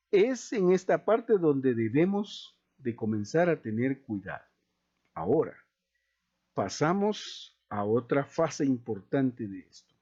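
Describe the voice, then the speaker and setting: A man's voice: on the high side, dark tone, slightly rough, dull audio. A man teaching an accounting class, explaining step by step, repeating key points and asking himself questions. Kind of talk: slow, deliberate classroom explanation.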